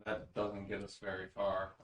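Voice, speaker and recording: A man's voice: low voice, completely flat delivery, moderate pace, fairly bright tone. A man running a tabletop game, laughing easily and questioning the players closely. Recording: roomy sound, distant mic.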